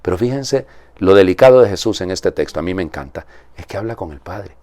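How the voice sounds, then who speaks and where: A man's voice: low voice, lively intonation, brisk, mellow, dry recording. A man, a priest reading the Gospel and preaching in a chatty homily with frequent rhetorical questions. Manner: conversational, asks rhetorical tag questions.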